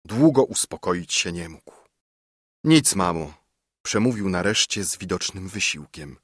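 A man narrating a literary story in a measured, expressive way. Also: deep voice, slightly rough, no room sound, studio quality.

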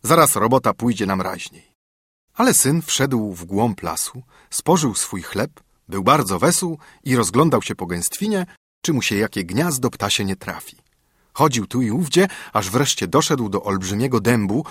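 A man narrating a fairy tale in an expressive, lively reading. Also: on the low side, slightly rough, dry recording, clean studio sound. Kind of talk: storybook narration.

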